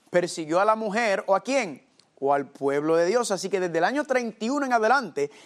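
A man with a high-pitched voice delivers a teaching sermon. He speaks to his listeners as family and keeps checking in with rhetorical questions. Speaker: preacher. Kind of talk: sermon, Bible study teaching.

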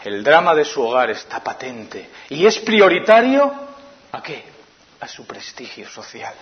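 A man preaching a sermon in a Spain Spanish accent, swinging from loud emphatic lines to near-whispers. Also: mid-range voice, very animated, measured pace. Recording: muffled lo-fi recording.

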